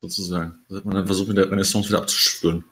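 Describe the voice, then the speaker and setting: Ein Mann diskutiert im Podcast locker und meinungsstark und lacht oft. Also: male voice, deep voice, level tone, fairly bright tone, husky. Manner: quick, opinionated, laughs often. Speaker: podcast co-host. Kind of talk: casual chat.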